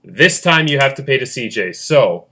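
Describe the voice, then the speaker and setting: A man's voice: medium pitch, expressive, moderate pace, bright, forceful tone, a little hiss or hum. Chatty man hosting a fan game. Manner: chatty, jokey asides, laughs often. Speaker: host running a fan game. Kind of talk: casual play-by-play narration.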